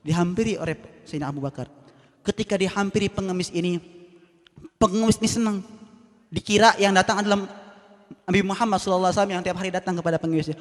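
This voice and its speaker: A man's voice: high-pitched, quick pace, long pauses. A male preacher giving a sermon, rousing the crowd and calling questions out to the listeners. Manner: rousing, calls out questions to the audience. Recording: reverberant hall.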